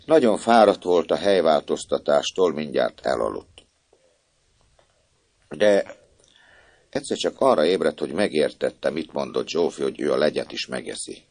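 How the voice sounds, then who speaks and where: A man reading a novel aloud as a narrator, expressive and acting out the characters. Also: extremely low pitch, long pauses, no room sound.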